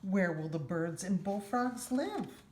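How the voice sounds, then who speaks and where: Storybook mother, read by a woman: patient, gently probing, unhurried, roomy recording with faint noise. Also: medium pitch, lively intonation. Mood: gently doubting. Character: gently questioning, patient mother of a young boy. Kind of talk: children's storybook read-aloud.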